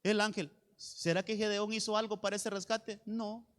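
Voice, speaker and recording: A man preaching a sermon as pastor, fervent, building to loud shouted passages and repeating phrases back and forth. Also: high voice, flat delivery, moderate pace, big-room sound. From Honduras. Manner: fervent preaching with rising shouts and call-and-response repetitions. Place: church sanctuary.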